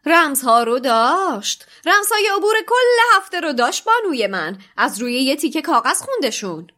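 A woman voicing a boastful, grandly courteous knight in a painting in an audiobook reading, slow and proud. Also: sits high, big pitch swings, bright, forceful tone, pitched above the performer's own voice, exaggerated voice.

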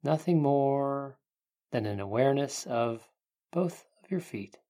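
A meditation narrator delivers gentle, hushed guidance in the style of a sleep story. The creaky voice sits at a medium pitch with lively intonation, and long pauses separate the lines.

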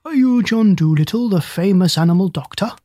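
A woman's voice: mid-range voice, lively intonation, brisk, mellow, no echo, natural voice. Woman voicing a courteous, menacing great shark. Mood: polite menace. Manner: courteous, businesslike offer of violence. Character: great male shark, polite, matter-of-fact and menacing. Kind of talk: children's storybook character voice.

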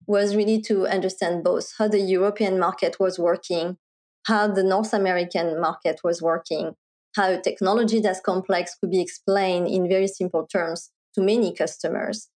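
A middle-aged woman from France with a French accent, speaking as an interview guest and explaining things clearly with a light laugh now and then. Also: lowish voice, steady tone, moderate pace, darkish tone. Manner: articulate, explanatory, laughs lightly while talking. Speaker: guest, marketing executive. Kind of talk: conversational interview.

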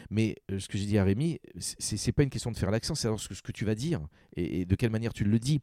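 Emphatic low-voiced man, mellow and dry. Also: animated, quick pace, dry recording. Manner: emphatic, talks in long run-on stretches with many restarts. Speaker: radio humor station programmer. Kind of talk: casual podcast conversation.

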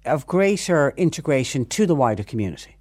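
A man's voice: fairly high pitch, sing-song, fairly quick, a little mellow, slightly rough. A man, asking questions conversationally as a radio interviewer.

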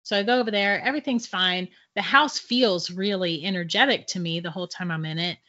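A middle-aged woman appearing as a guest psychic tells her own stories in a casual way, laughing often. Her fairly low voice is brisk, bright, and forceful, captured in dull lo-fi sound.

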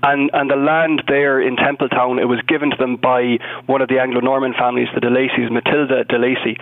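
A man's voice: medium pitch, level tone, a little fast. Phone-line young man, west of Ireland accent. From Galway, west of Ireland. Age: young adult. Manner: explanatory, discursive. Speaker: interview guest, Dominican friar. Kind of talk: conversational radio interview. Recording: phone-like narrow band.

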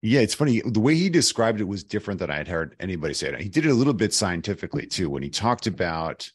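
Very deep, hoarse, raspy man. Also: sing-song, quick pace, no room sound, clean studio sound. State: voice nearly lost, hoarse. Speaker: podcast co-host. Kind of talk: conversational discussion of financial advising.

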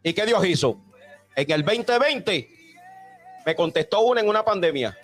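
Fiery pastor, high voice, shouts his calls to pray, faint music under. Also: expressive, normal speed. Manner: rising to shouted, repeated exhortations. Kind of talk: fiery Pentecostal preaching.

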